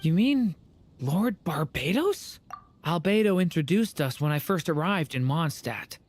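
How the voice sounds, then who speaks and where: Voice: mid-range voice, lively intonation, measured pace. An actor voicing a polite, self-assured young dragon boy in a video game, courteous and composed. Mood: composed, confident.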